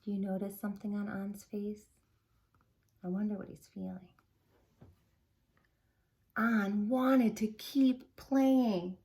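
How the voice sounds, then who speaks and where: A woman's voice: mid-range voice, slow, pauses often. Woman reading a story aloud to preschoolers. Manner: expressive, asks listeners questions. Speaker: preschool teacher. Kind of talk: children's storytime read-aloud.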